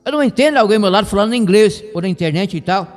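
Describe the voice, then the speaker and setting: A man's voice: sits high, lively intonation, racing, long reverb tail. A man with a Brazilian Portuguese accent giving an informal radio Bible lesson, rambling and digressive with jokey asides.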